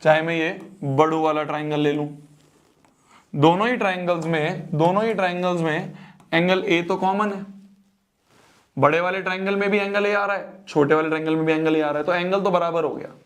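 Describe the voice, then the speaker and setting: A man's voice: on the high side, steady tone, brisk. A young man teaching a math exam-prep lesson, repeating phrases and checking that students follow.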